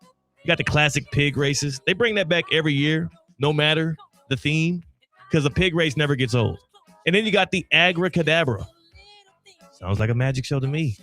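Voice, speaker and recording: Energetic man hosting sports radio. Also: on the high side, normal speed, soft background music. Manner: energetic, loud, playful. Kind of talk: casual radio talk. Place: radio studio.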